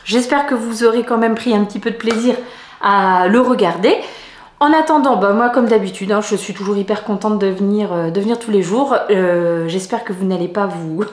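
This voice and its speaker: A middle-aged woman from France chatting in a casual knitting vlog, rambling with many hesitations and soft laughs. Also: mid-range voice, echoey room. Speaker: knitting vlogger.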